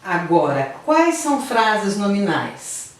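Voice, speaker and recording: A woman's voice: mid-range voice, sing-song, slow pace, distant mic. A woman teacher with a Brazilian Portuguese accent giving a grammar lesson, explaining patiently step by step and checking in with her students. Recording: very echoey room, voice from afar.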